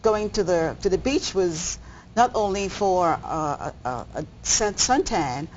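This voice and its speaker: A woman's voice: fairly low pitch, expressive, measured pace, darkish tone. A woman hosting a cable TV interview, hesitating with many ums and restarts. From Bahamas. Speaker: talk show host. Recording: dull audio, faint noise.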